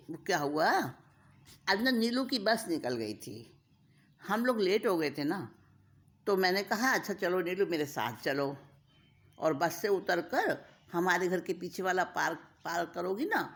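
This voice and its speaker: A woman voicing an excitable young female college student who talks breathlessly and stammers. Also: on the low side, unhurried. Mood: eager.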